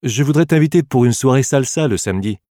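A woman's voice: a bass voice, expressive, a little fast, mellow, no echo, clean studio sound, voice pushed down. A woman voicing a young man named Pierre in a scripted French practice dialogue, friendly and inviting.

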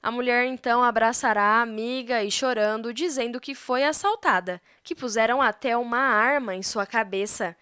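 A woman's voice: on the high side, normal speed, hardly any pauses, smooth, dry recording, studio quality. A woman with a Brazilian Portuguese accent narrating a soap opera plot summary. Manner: steady storytelling in future tense.

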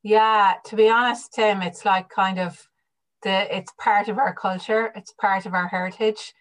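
A woman's voice: medium pitch, fairly even intonation, a little slow, fairly bright tone. A woman from the west of Ireland, with that region's accent, explaining things conversationally as an interview guest. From County Mayo, west of Ireland. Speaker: podcast guest.

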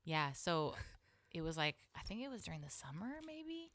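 A woman co-hosting a casual chat, telling animated stories and acting out what people said. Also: normal speed. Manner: animated, acts out quotes with pitch jumps and whispers.

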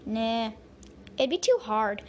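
A man's voice: extremely high pitch, lively intonation, takes it slowly, a little hiss or hum, full character voice. A young girl voicing an easygoing, helpful father who answers in brief, laid-back replies in a home-made story.

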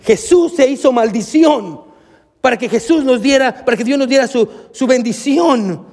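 A man's voice: extremely high pitch, lively intonation, normal speed, creaky, a little mellow. A male pastor preaching a sermon emphatically, speaking straight to his congregation. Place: church. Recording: long reverb of a church hall.

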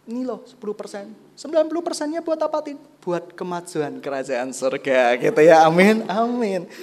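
A preacher from Kediri in East Java gives a sermon, swinging between loud, excited exclamations and soft, low passages and often calling the congregation brothers and sisters. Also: normal speed. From Kediri, East Java, Indonesia.

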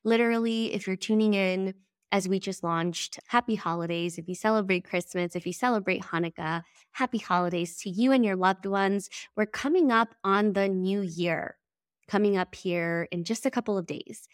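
A woman's voice: mid-range voice, clear, resonant tone, no echo, clean studio sound. Nasal, congested woman podcast host. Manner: earnest, reflective, unhurried. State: congested from a head cold. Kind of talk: solo podcast monologue.

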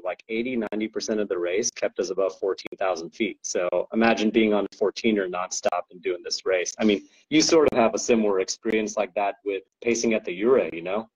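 Low husky man, rambling casual talk. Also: a little fast, few pauses, a little mellow, dull audio. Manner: rambling, full of ums and likes, laughs often. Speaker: guest co-owner describing an ultra race. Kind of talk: casual podcast chat.

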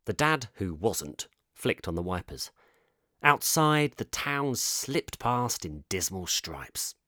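A man reading a storybook aloud, slow and measured, his voice swinging widely in pitch. It sounds close and dry, with no room around it. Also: no echo. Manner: expressive and measured. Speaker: narrator. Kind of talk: storybook narration.

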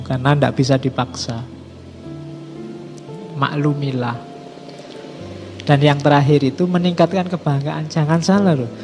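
A man giving a lively classroom lecture, acting out quoted speech and throwing in rhetorical asides. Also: medium pitch, long reverb tail.

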